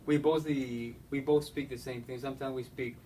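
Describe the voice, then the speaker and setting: A young Spanish-speaking man answers interview questions in Spanish-accented English, hesitating with plenty of fillers and restarts. His medium-pitched voice is mellow, fairly even, and at normal speed, picked up by a distant mic with faint background noise.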